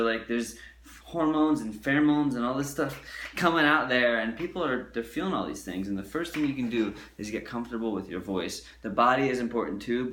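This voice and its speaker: A man's voice: mid-range voice, a bit bright, a little hiss or hum. Casual, profane man teaching singing in an echoey room. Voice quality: loose and profane, acts out timid and bold voices. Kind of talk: casual video lesson. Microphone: camera mic he handles.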